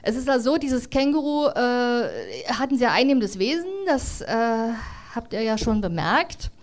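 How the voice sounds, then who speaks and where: A woman reading a story aloud to an audience in a chatty, relaxed way, with frequent fillers. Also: a little high, measured pace. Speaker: reader.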